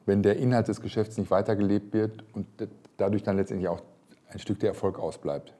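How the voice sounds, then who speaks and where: A man in his fifties, a chef hosting a restaurant show, gives frank reality TV commentary while tasting food in a vaulted restaurant cellar indoors. His fairly low voice is steady, brisk and warm, and he reacts aloud to what he eats.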